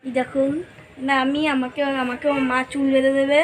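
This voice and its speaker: A young woman, a little hoarse, chatting playfully to viewers about her mother's cooking in a home kitchen. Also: high-pitched, little pitch movement, fairly quick. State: hoarse throat. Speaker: daughter of the vlogger. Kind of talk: casual chat to viewers.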